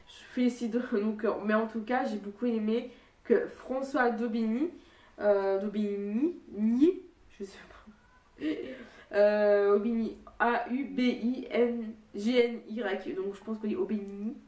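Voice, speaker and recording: A woman's voice: on the high side, fairly even intonation, measured pace, a little mellow. A young woman with a blocked, stuffy nose gives a casual book review, speaking nasally in a hesitant, rambling way and often rephrasing mid-sentence. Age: young adult. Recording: echoey room, distant microphone.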